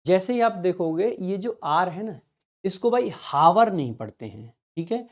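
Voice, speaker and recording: A man teaching English grammar in an online exam-prep lesson. He reads the example sentences slowly, word by word, and keeps asking his students quick check questions. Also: high voice, animated.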